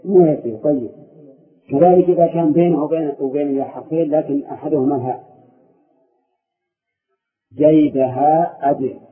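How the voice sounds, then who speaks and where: A man leads a grammar lesson, walking through verses and stopping to question and correct his students. His voice comes through a narrow, tinny recording. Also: a little high. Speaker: sheikh teaching grammar. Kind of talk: classroom lesson explaining verse. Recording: tinny phone-like audio.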